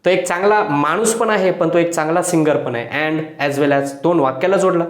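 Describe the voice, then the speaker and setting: A male English teacher, explaining grammar to pupils in a lively classroom manner, repeating his points and asking the class questions. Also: on the high side, normal speed, echoey room. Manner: affectionately addresses pupils as children.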